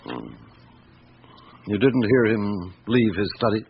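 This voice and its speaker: A deep-voiced, probing police inspector. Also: male voice, big pitch swings, exaggerated voice. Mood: patient, probing. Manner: deliberate, persistent questioning with hesitant hums and pauses. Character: patient, probing police chief inspector questioning a witness. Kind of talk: radio drama acting. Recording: dull lo-fi radio recording with clear hiss.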